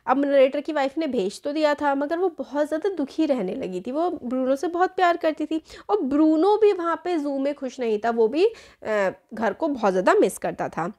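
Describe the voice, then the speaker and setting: A woman's voice: high voice, animated, moderate pace, few pauses, dark tone. A young woman teaching a class lesson in a casual, explanatory way, often rephrasing herself. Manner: explains in Hindi mixed with English terms, rephrases with "matlab". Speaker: teacher, channel host.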